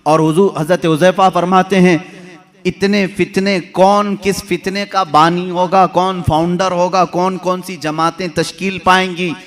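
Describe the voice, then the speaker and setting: A man's voice: high-pitched, level tone, measured pace. Man preaching in dramatic sermon style. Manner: dramatic, swings between loud poetic recitation and hushed storytelling. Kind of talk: Urdu-Hindi religious sermon.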